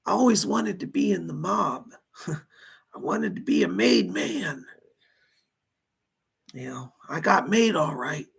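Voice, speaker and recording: A woman as a seance medium in trance, voicing a remorseful, frightened dead male mobster in a husky, halting, anguished way that slips into whispers. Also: fairly low pitch, expressive, pitched below the performer's own voice, heavily acted. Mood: halting, rueful. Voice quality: husky, breathy, creaky. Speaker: seance medium channeling a spirit. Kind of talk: seance medium trance channeling, dramatic first-person confession.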